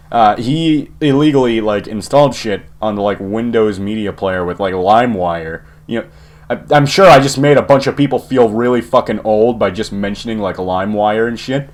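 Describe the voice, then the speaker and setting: A man's voice: fairly low pitch, darkish tone. A young man casually telling a rambling personal story, swearing heavily and chuckling often. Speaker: channel host.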